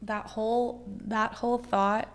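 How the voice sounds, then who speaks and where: Young woman, podcast co-host, playful, animated, laughs. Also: a little high, a little slow. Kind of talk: casual chat.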